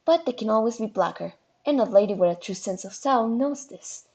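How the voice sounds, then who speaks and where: A woman reading a webcomic aloud on a live stream, animated and casual, with quick asides. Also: a little high. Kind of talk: casual live read-along.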